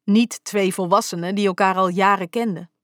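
A woman narrating a first-person romance story in a calm, intimate storytelling manner. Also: mid-range voice, normal speed, dry recording, studio quality. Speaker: audiobook narrator.

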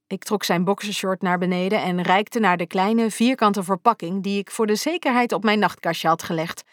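A woman narrating a first-person romance story in a calm, intimate storytelling manner. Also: mid-range voice, moderate pace, dry recording, studio quality. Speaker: audiobook narrator.

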